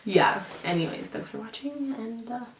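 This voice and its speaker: A woman of about twenty from Canada, telling a story in a casual, slangy, animated way and acting out the dialogue. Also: on the high side, moderate pace, gravelly, a little hiss or hum. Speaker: vlogger. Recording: roomy, from a distance.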